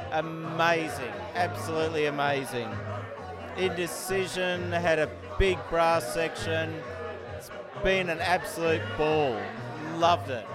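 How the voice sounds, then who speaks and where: An Australian man gives an excited, unhurried vox pop, drawing his words out. His voice sits a little high, and music and a crowd are heard clearly behind him at an outdoor festival. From Adelaide, Australia. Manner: enthusiastic, swears casually. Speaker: festival visitor.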